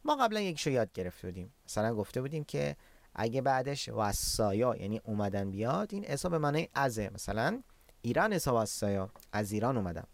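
A male language teacher with a lively, swinging voice that rises and falls a lot. He explains patiently, repeats each word for his learners, and stretches a word out slowly, syllable by syllable. The sound is dry and close, with no room echo. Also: mid-range voice. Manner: slows right down to spell out words syllable by syllable. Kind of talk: online language lesson.

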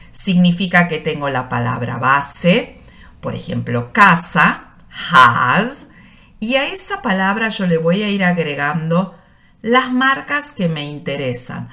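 Slow, patient woman explaining. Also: fairly low pitch, a bit bright. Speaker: radio show presenter explaining language trivia. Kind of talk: relaxed educational talk.

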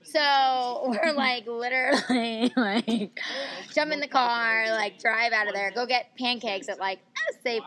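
Bright, giggly young woman storyteller. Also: a little high, a little slow, poor audio. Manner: animated, giggly, lots of "like". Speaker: podcast co-host. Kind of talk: casual storytelling chat.

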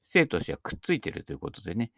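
A man's voice: lowish voice, huge pitch swings, fast, a bit bright, no room sound, clean studio sound. An older man missing his front teeth gives a casual, humorous, rambling monologue, chatty and self-deprecating. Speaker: speaker giving talks on Buddhist sayings.

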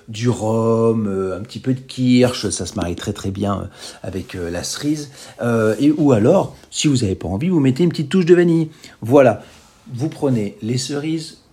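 A man's voice: mid-range voice, dark tone. A man hosting a food radio show, talking casually and chatting playfully with light irony as he walks listeners through a recipe. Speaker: radio host.

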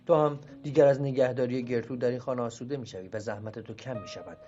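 A man reading a literary novel aloud as an audiobook narrator, in a measured, steady storytelling manner. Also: mid-range voice. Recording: dull lo-fi recording with music beneath. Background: music.

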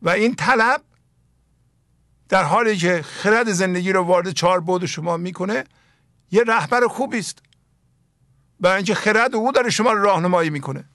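Gravelly Persian man explaining mystical verses. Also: high voice, a bit bright, dry recording, clean studio sound. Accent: Iranian Persian. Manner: slow, emphatic recitation of verses then plain explanation. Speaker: spiritual teacher. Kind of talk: reciting and explaining mystical poetry.

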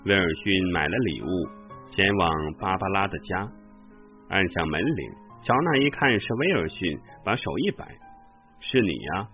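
A man tells a story in a low voice with a lot of rise and fall. The sound is thin and phone-like, as from an old radio broadcast. Faint music plays under him. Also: expressive, normal speed. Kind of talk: storytelling narration. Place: radio studio.

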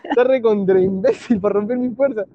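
A man with a Peruvian accent chatting casually, slangy and relaxed, laughing at his own stories. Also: sits high, fairly quick. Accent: Peruvian Spanish. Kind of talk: casual chat. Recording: muffled lo-fi with faint background hiss.

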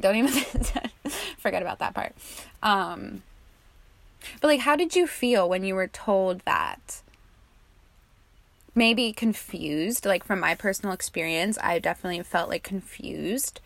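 Slow, soft-spoken young woman guiding meditation. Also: fairly low pitch, no room sound. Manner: soft, calm and unhurried, with casual fillers. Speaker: meditation guide. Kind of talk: guided meditation and personal reflection.

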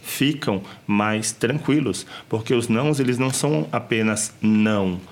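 Homem paulista explicando com calma. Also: male voice, medium pitch, a little slow. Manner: calm, explanatory. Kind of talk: casual conversation.

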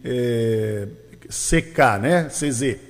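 A man's voice: mid-range voice, drawn-out words, big-room sound. A man hosting a morning radio show from São Paulo, chatting casually and laughing often, with a Brazilian Portuguese accent. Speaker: radio host.

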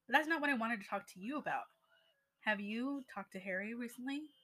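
A woman voicing a brisk, scolding young woman as she reads a story aloud. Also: fairly high pitch, animated, bright, forceful tone, rough recording. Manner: brisk, exasperated.

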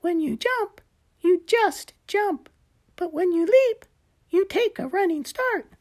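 A woman's voice: extremely high pitch, lively intonation, takes it slowly, darkish tone, pitched above the performer's own voice, exaggerated voice. A woman voicing an eager, cheerful little male gecko who coaches his friend in a storybook reading, chirpy and encouraging.

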